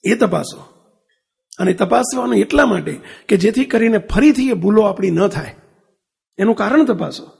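A man's voice: high voice, expressive, moderate pace, gravelly, darkish tone, husky, big-room sound. A man giving a sermon, telling a family story and putting questions to the listeners. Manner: acts out family dialogue, asks audience questions. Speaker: religious speaker.

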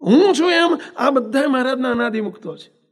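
A man's voice: very high voice, animated, moderate pace. A monk giving a devotional discourse, often asking his listeners questions and using everyday examples. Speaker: monk preacher.

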